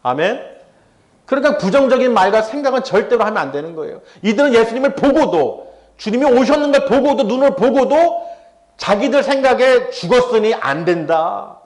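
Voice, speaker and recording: A man's voice: very high-pitched, animated, brisk, darkish tone. A middle-aged man preaching a sermon as pastor. He dramatizes the voices of scoffers and of Jesus, and he calls out to the congregation for amens.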